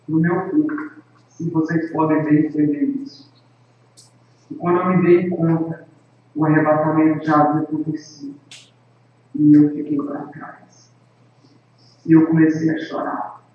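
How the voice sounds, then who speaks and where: A man tells an earnest testimony to a camera, slow and solemn, leaning on each phrase. His somewhat high voice sits far from the mic in a very echoey space. The recording sounds dull and lo-fi, with faint room ambience behind. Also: darkish tone. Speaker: evangelist and worship leader. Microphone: camera microphone.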